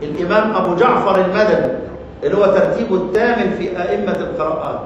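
A man with an Egyptian accent teaching Quran recitation, quizzing his students and chanting verses slowly. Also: high-pitched, slight background noise. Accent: Egyptian Arabic. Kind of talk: classroom lecture with questions to students. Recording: echoey hall, distant lo-fi mic.

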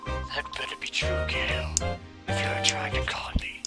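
A gruff, brooding lawman from a video game , acted out by a man. He threatens in a raspy, breathy growl with no real pitch to it. Game music plays clearly behind him. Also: moderate pace, close to an everyday voice. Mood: menacing, brooding. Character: gruff menacing lawman, brooding vigilante parody.

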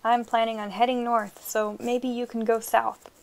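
A woman voicing an urgent young dragon rider, gravelly. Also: fairly high pitch, flat delivery, normal speed. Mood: commanding. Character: determined young dragon rider, guilt-ridden.

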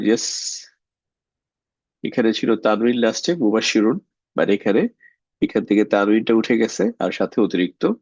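A man teaches an online grammar lesson, working patiently through each step and filling pauses with small words. The recording is dry and dull, as if from a cheap close mic. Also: on the low side, darkish tone, slightly rough, no echo. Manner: explains step by step with frequent filler words.

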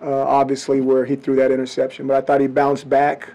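A middle-aged man speaks as a head coach facing reporters after a game. He answers plainly and bluntly, in an even, mid-pitched voice. He is close to a cluster of table microphones in a press room. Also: fairly quick, vocal fry. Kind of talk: postgame press conference. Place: press room before a branded backdrop.

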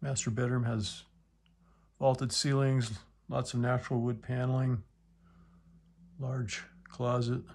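Guy giving a house tour, talks slow in little clipped bits, kinda husky voice, recorded on a phone indoors. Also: medium pitch, level tone, a little mellow. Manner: short clipped phrases, listing features. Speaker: real estate agent. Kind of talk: property walkthrough narration. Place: indoors, walking through a wooden townhome.

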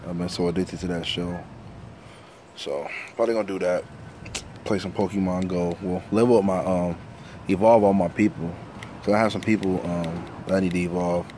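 A man's voice: low-pitched, steady tone, normal speed, warm tone. A young man vlogging casually with his partner, teasing and joking while he has the hiccups. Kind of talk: casual vlog. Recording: noisy handheld camera audio.

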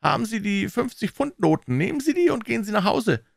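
Man voicing a scheming businessman, commanding, raised pitch, gravelly edge, dry sound. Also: sing-song, a little fast, dry recording, heavily acted. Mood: pressing. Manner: raised, pressing, impatient.

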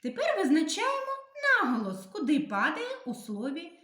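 A woman teacher giving a slow, careful literacy lesson to young children, clearly sounding out letters and syllables. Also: high voice, huge pitch swings, a bit bright. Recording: echoey room.

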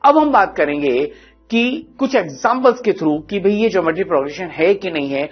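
A husky man with a fairly high voice teaches a math lesson for exam prep. He walks students through each step and keeps asking them to check and guess the answers. Soft music plays underneath. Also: animated, moderate pace, lo-fi sound.

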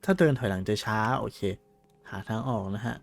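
A young man chatting casually over a game he is playing for the first time, excitable and quick to yelp when chased. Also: lowish voice, gravelly, soft background music. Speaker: game streamer. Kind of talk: casual let's-play commentary.

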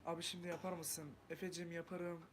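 A man from Turkey hosting a casual live stream, chatting with viewers, greeting them warmly and reading comments while he cooks. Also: a little high, flat delivery, fast. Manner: talks while cooking.

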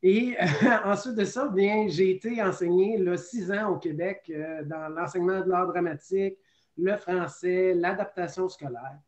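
A man in his thirties with a Quebec French accent, a teacher telling his path in a webinar, lively and self-mocking. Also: high voice, unhurried. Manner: lively, self-deprecating, many fillers. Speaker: teacher guest. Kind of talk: webinar testimony. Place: home office. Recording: dull lo-fi sound.

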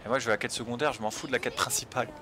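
A man's voice: mid-range voice, fairly even intonation, very fast, bright, forceful tone, slight background noise. A man giving casual running commentary as he plays a video game, talking to himself with frequent hesitations. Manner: mumbled running self-talk with frequent hesitations. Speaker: let's play host.

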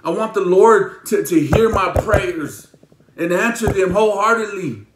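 A man preaching a sermon as a pastor, emotional and repetitive, with many restarts, moving between loud preaching and hushed pleading. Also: high-pitched, unhurried, roomy sound, background noise.

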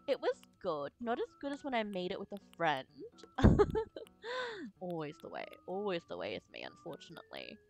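A woman's voice: mid-range voice, rough recording. A woman chatting casually to her viewers while playing a game, giggling often. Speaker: streamer. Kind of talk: casual gameplay chat.

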